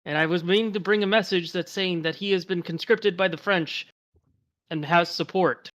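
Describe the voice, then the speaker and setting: A man's voice: high voice, fairly even intonation, normal speed, a bit bright, highs cut off. A man playing a tabletop role-play game, talking casually and joking about his character's bluffing. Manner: chatty, laughs at his own bluffing. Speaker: player.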